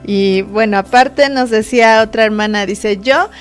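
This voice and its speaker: A woman's voice: mid-range voice, steady tone, normal speed, soft background music. A woman, a co-host on a church program, chatting casually as she sums up viewer comments. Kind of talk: casual chat.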